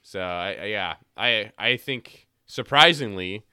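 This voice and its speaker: A young man hosting a casual fantasy football podcast, animated and quick to get loud, a little hoarse from yelling. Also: lowish voice, dry recording, studio quality. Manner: animated, trails off and restarts, gets loud when excited. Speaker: podcast host.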